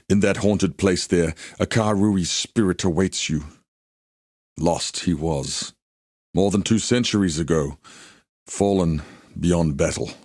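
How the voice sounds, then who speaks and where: Haku, deep solemn warrior. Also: male voice, a little mellow, no room sound, clean studio sound. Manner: solemn, measured, formal storytelling delivery. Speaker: video game character. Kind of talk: dramatic scripted game dialogue.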